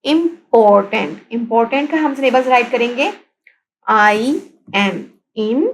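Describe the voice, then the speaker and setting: Young female teacher, high voice, patient letter-by-letter spelling. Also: a little slow, poor audio. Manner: patient, spells words out letter by letter and repeats them; mixes English terms into explanations. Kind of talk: classroom lesson recorded as video.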